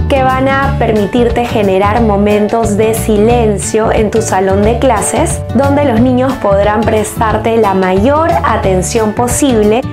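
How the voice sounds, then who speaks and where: A woman teacher calmly explaining classroom techniques to other teachers, in a clear, measured way. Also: fairly high pitch. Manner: calm, clear, measured instruction. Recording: steady music playing under the voice.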